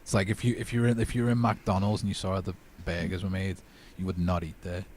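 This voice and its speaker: Deep-voiced easygoing man chatting. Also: level tone, quick pace, darkish tone, slight background noise. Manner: easygoing, agreeable, says yeah a lot. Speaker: podcast co-host. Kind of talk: casual chat.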